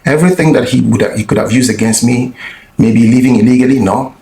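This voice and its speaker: A man's voice: mid-range voice, fast talker, darkish tone, roomy sound, poor audio. A man vlogging, telling a story in a blunt, profane way with lots of restarts. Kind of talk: casual storytelling monologue.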